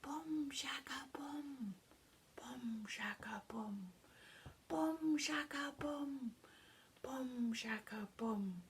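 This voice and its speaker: A woman in a whispered role-play, putting on a breathy, nervous voice. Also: high-pitched, drawn-out words, slight background noise, pitched above the performer's own voice, full character voice. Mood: jittery. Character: breathy, nervous, timid adult.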